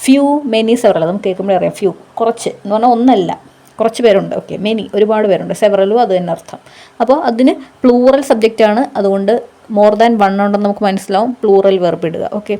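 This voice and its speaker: A woman's voice: medium pitch, fairly quick, warm tone. A woman teaching a grammar lesson for exam coaching. She explains patiently, asks rhetorical questions and often checks in with "okay".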